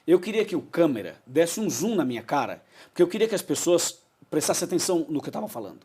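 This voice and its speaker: Husky pastor telling stories. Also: male voice, a little high, very animated, fast, a little mellow. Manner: emotional anecdotes, acts out what people said. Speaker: pastor and TV preacher, interview guest. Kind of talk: storytelling in a TV interview.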